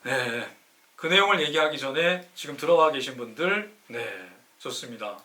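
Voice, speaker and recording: This live-stream host, who is also a city councilor, lectures on classical poetry in a medium-pitched voice with lively intonation, normal speed and a bright, forceful tone. He's emphatic and teacherly, drawing out key words and answering his own rhetorical questions while nursing a sore throat.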